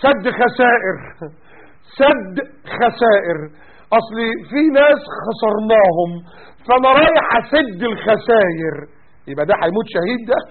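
A man preaching in an Egyptian accent, animated and mocking, firing off rhetorical questions. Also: sits high, normal speed, narrow, tinny audio, a little hiss or hum. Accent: Egyptian Arabic. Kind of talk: sermon.

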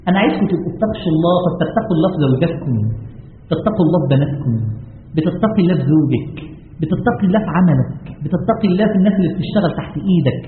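Animated Egyptian preacher in an echoey hall. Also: male voice, high voice, a little hiss or hum. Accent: Egyptian Arabic. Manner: animated, rising to emphatic peaks, slow chanted recitation. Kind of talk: mosque lesson sermon. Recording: echoey hall, lo-fi phone-like sound.

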